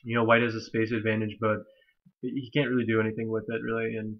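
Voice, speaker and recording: A young man with a stuffy, nasal voice talks through a chess game in a rambling, casual way, full of fillers and restarts. His pitch stays flat and even. The recording is slightly dull and lo-fi, like a home computer mic. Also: quick pace. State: stuffy from allergies. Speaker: chess commentator.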